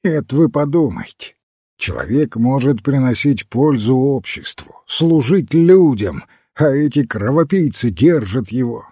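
A man's voice: mid-range voice, expressive, a little slow, warm tone, breathy edge, no room sound, clean studio sound. A man reading aloud and voicing a blustering, outraged male newspaperman who rants indignantly.

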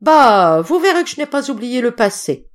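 A woman's voice: mid-range voice, sing-song, brisk. A woman reading the part of a nervous older male landowner who breaks into startled exclamations. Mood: agitated.

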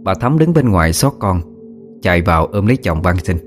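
Guy reading an audiobook story, lowish voice, soft music in the back. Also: very animated, a little fast. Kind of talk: audiobook narration.

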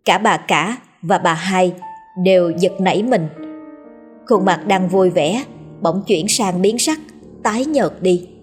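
A woman narrating a horror story in a slow, measured way. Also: fairly low pitch, darkish tone, faint music behind.

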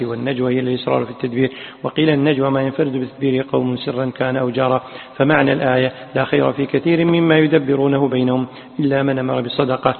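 A man's voice: mid-range voice, gravelly. A man teaching, reading classical Quran commentary aloud and chanting the quoted verses melodically. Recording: tinny, echoey hall sound.

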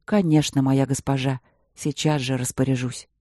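A narrator playing a loyal, devoted male guard captain who speaks slowly and earnestly. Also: mid-range voice, little pitch movement, warm tone, no room sound, studio quality, pitched below the performer's own voice, close to an everyday voice.

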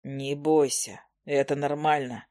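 A woman reading an audiobook voices a calm young male monster hunter in a low, slow murmur. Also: no room sound, clean studio sound. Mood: soft, reassuring.

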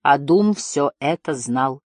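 A woman's voice: low-pitched, animated, slow pace, no echo, clean studio sound, exaggerated voice. A woman voicing a teenage boy hero, heated and accusing, his voice trembling. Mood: bitter.

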